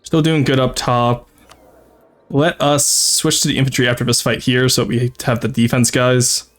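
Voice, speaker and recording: A man's voice: mid-range voice, little pitch movement, moderate pace, a bit bright, faint music behind. Man casually commentating a strategy game stream. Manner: thinks aloud, addresses chat. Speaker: streamer, VTuber.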